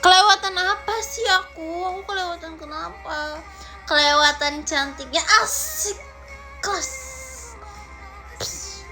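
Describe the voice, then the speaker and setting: A woman's voice: very high-pitched, a little slow, over music. A woman live streaming from home, chatting casually and playfully teasing her viewers as she reads their comments aloud. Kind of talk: casual livestream chat reading viewer comments.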